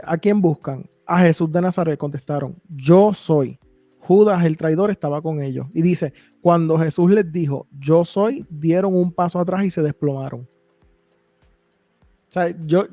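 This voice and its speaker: A man's voice: high-pitched, vocal fry, warm tone, no echo. A man hosting a casual Bible discussion podcast, reading scripture aloud and explaining it with rhetorical questions. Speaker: podcast host.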